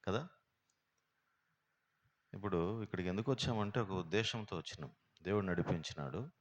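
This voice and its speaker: Low deep voiced guy preaching, tells a story and does the lines in it. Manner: storytelling, acting out dialogue. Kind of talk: sermon.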